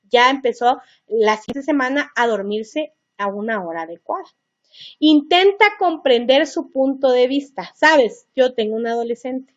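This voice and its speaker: Talking directly to her audience, a high-voiced middle-aged woman instructs parents at a seminar in a conversational, sincere way. Her voice comes through a dull, lo-fi recording.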